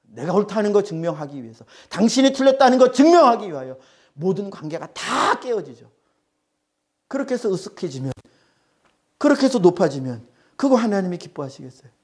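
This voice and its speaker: A man's voice: sits high, big pitch swings, a little fast. A male pastor preaching a sermon, emphatic and repeating his phrases.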